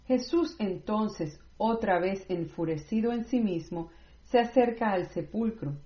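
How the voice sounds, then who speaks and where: A woman reading scripture aloud in a measured, scripted way, with no commentary. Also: medium pitch, animated, dark tone. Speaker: Bible reader. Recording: roomy, slightly dull recording.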